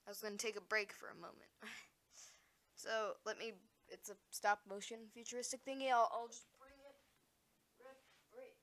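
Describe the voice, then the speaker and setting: A woman hosting a casual solo podcast, rambling and distracted, breaking into excited exclamations. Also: fairly high pitch, moderate pace. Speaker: podcast host.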